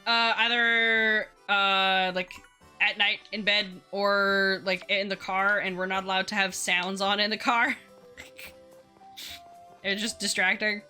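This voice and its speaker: A young woman streaming a game in casual chat, her voice worn and hoarse, reading chat aloud and swearing now and then. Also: mid-range voice, level tone, slow pace, pushed and bright, soft background music.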